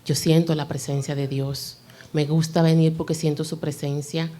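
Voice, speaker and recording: A woman with a low voice gives her testimony before a church congregation. She speaks earnestly and with feeling, addressing the listeners as brothers and sisters. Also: level tone, normal speed, mellow. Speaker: church member giving testimony.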